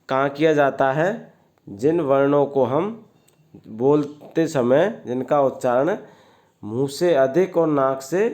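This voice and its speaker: A man teaching young children a language worksheet, slowly and patiently, asking questions and answering them himself. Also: medium pitch, darkish tone.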